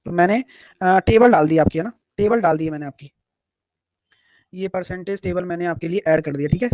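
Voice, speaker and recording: A man's voice: fairly high pitch, darkish tone, no echo. A man teaching a live online math class, explaining step by step and answering students' chat questions. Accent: Hindi-English mix.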